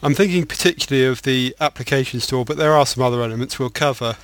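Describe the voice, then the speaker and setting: Male podcast host, measured and guiding, close and dry. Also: medium pitch, dry recording. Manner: measured, steering the talk. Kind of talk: casual chat.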